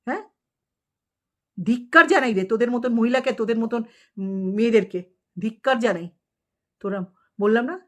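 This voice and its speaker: A woman vlogger scolds a rival in a long, heated rant. Her voice sits fairly high, and she fires off insults and rhetorical questions one after another.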